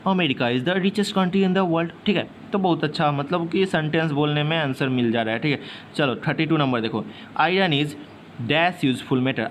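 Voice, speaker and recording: Male teacher, Bihari Hindi accent, mid-pitched, exam-prep quiz, urging fast answers, faint hum. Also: a bit bright. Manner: quizzes students, urges quick answers, repeats questions; reads sentences slowly, word by word. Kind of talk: online exam-prep class.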